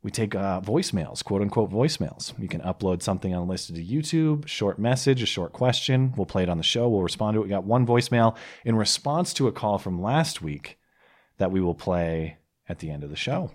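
A man's voice: fairly low pitch, expressive, a little fast. A young man hosting a call-in show, chatting casually with jokes and rambling asides. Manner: joking, rambling, self-mocking. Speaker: host.

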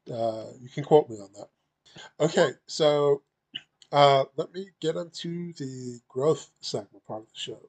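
A man's voice: fairly high pitch, takes it slowly, pauses often, darkish tone. A man hosting a podcast, talking in a laid-back casual way with lots of fillers. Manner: laid-back, filler-heavy, laughs often. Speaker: podcast host. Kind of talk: casual chat.

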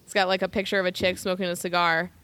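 A woman's voice: on the low side, level tone, quick pace, a bit bright. Chatty woman on a podcast. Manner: chatty, says "like" a lot, laughs easily. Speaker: podcast co-host. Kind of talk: casual chat.

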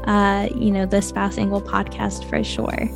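A woman hosting a podcast, upbeat as she interviews her guest and signs off quickly. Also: mid-range voice, little pitch movement, creaky, music in the background. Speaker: podcast host.

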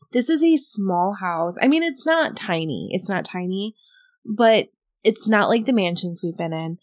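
In a studio-quality, dry recording, a woman with a mid-range voice hosts a casual podcast chat reviewing audio from a paranormal investigation. She is thoughtful and explanatory, often hedging her points.

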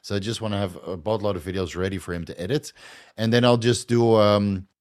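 Brief: male host, Dutch accent, lower voice, relaxed livestream Q&A, curses casually. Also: brisk, clean tone. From Netherlands. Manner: loose, swears, laughs often. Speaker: host answering viewer questions.

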